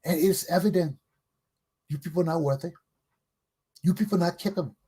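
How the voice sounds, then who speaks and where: Speaking at a moderate pace, this talk show host, a middle-aged Liberian-accented man, has a voice on the high side that is husky and dark. His political monologue is fiery and combative, preachy and emphatic, driving points in by repeating phrases.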